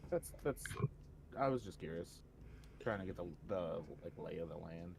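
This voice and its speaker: Deep, creaky, mellow man. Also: lively intonation, moderate pace, slight background noise. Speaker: tabletop roleplaying player. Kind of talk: casual chat.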